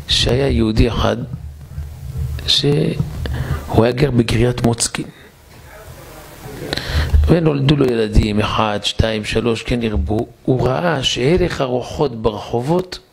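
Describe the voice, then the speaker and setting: A man preaching as a rabbi in a synagogue, telling a story vividly and slowing down for emphasis. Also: mid-range voice, gravelly. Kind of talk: storytelling sermon.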